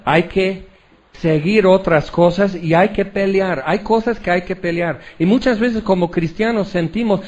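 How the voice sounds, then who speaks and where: A male pastor delivers a sermon full of stories and playful acted-out moments. His voice sits high for a man, and he shifts freely between teaching and storytelling. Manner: animated storytelling with acted-out asides.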